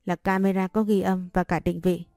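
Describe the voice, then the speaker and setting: A woman's voice: lowish voice, level tone, normal speed, mellow, dry recording, lightly acted. A woman reading the lines of a cool young male chairman who teases his wife dryly in an audiobook. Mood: teasing. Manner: dry, mocking.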